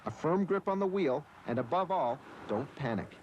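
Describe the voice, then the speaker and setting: A man narrates a news report in a crisp, measured broadcast voice set a little high. The sound comes from a worn old tape copy, with a faint hiss under it. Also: animated, highs cut off.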